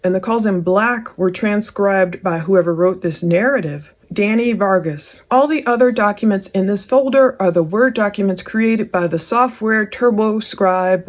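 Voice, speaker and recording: Woman giving casual true crime commentary. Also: medium pitch. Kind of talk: casual commentary on case documents.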